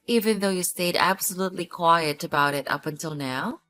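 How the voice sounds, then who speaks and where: A woman's voice: on the low side, moderate pace, bright, forceful tone, faint music behind. A woman acting a cool, sarcastic betrayed ex-wife in a scripted story, speaking in a cold, curt, dry manner. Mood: icy cold.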